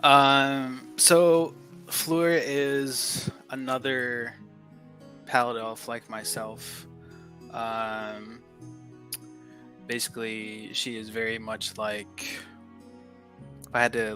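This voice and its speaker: A man playing a tabletop game, describing things casually and haltingly. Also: lowish voice, bright, forceful tone.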